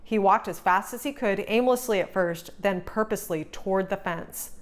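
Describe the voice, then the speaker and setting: A woman serves as host for a children's storybook read-aloud, giving the story a dramatic, expressive telling at normal speed and medium pitch.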